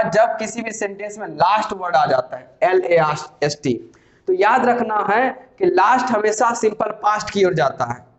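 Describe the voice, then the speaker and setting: High-voiced male grammar teacher, echoey room. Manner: explains step by step, asks and answers his own questions. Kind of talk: Hindi grammar lesson with slow-read English sentences. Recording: echoey room, slightly dull sound.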